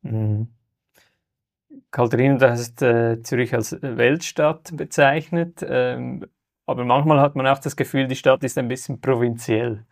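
Moderator guy, gravelly voice, dry close sound, asks with lots of uhs. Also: mid-range voice, steady tone, measured pace, no room sound. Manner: poses questions with hesitations. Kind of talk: moderated panel discussion.

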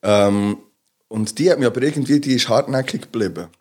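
A man's voice: mid-range voice, a little fast, a little mellow, breathy edge. Rambling Swiss German man telling stories. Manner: rambling storyteller, many fillers and restarts. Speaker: podcast co-host. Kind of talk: casual chat.

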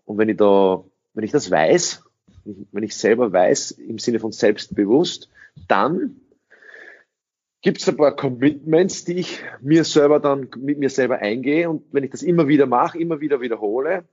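A middle-aged English-speaking man with a mid-range, slightly mellow, husky voice talks at normal speed. Interviewed as a sales trainer, he answers emphatically, repeating phrases and posing rhetorical questions. The recording is dull and lo-fi.

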